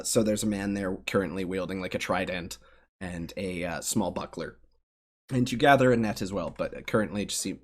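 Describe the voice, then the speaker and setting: A young man running a tabletop game on a live stream, casual with many fillers. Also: low-pitched. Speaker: game master.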